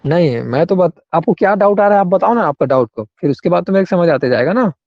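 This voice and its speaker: A man's voice: high voice, lively intonation, fast, lo-fi sound. A male English grammar teacher, explaining rules in an online class and often checking in with students by name.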